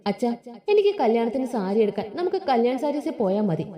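A spoiled, scornful young bride-to-be, as a woman storyteller voices her. She sounds sneering and self-assured, pitched a little high in a dark, mellow tone. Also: sing-song, brisk.

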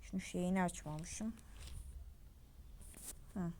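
Chatty gaming host, mellow voice. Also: female voice, lowish voice, takes it slowly, a little hiss or hum. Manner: chatty, addresses viewers often. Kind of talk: game commentary with voiced characters.

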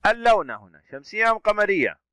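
Lively male teacher sounding out letters. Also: high voice, clear, resonant tone, no echo. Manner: slow, sounding out letters and vowels one by one; asks questions and praises pupils. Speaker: Arabic teacher. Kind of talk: classroom reading drill.

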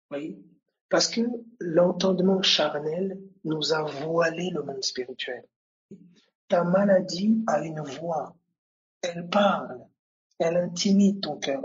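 A man's voice: on the high side, breathy edge, dull audio. A man preaching a sermon, repeating key phrases and growing more emphatic as he goes.

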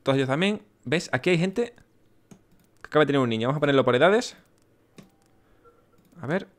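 A man's voice: on the high side, lively intonation, a little fast. A man with a Spanish accent giving casual gameplay commentary, chatty and muttering to himself and to the game characters. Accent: Spain. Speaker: let's play host.

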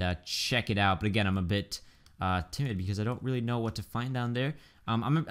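A man's voice: on the low side, clean tone. A man giving casual, chatty let's-play commentary, upbeat and full of ums and likes. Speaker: gaming YouTuber.

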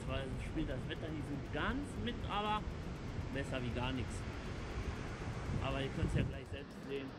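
A man in his thirties filming himself at arm's length, chatting in a relaxed way with dry humor as he travels outdoors and by car. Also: mid-range voice, moderate pace, pauses often, heavy background noise. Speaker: travel vlogger. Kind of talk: casual travel vlog. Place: outdoors on a coast and mountain viewpoint, later in a car. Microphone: camera held at arm's length. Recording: music laid under the voice. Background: background music.

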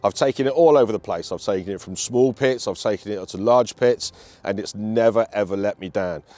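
A British angler with a British accent presents a fishing feature outdoors on a lake bank, explaining things to camera in an instructional way. His voice is fairly low, brisk and a little mellow.

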